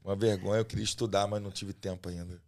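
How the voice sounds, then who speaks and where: Talking fast in a voice on the low side, a chef and restaurant owner from Rio de Janeiro relaxes into a casual podcast interview as the guest. His Carioca Brazilian Portuguese accent and chatty manner stand out, and he often ends his phrases with a tag question.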